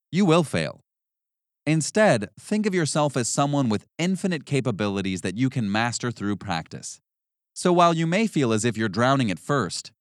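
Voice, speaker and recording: Man narrating with lively, dry delivery. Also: medium pitch, no echo. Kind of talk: scripted audiobook narration.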